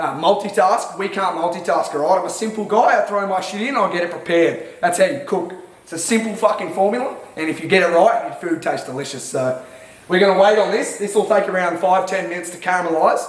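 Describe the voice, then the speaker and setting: Cocky swearing Australian man in an echoey kitchen. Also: high voice. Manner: cocky, swearing, lecturing the viewer. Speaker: home cook vlogger. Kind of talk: mock cooking show. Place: home kitchen.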